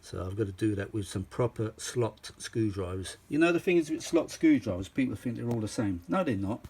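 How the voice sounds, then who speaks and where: Fairly quick and lively in intonation, this man's lowish voice has a darkish tone and a breathy edge. Middle-aged or older, he's a vintage audio enthusiast showing a machine in casual, unscripted chat, rambling, exclaiming and repeating things for emphasis.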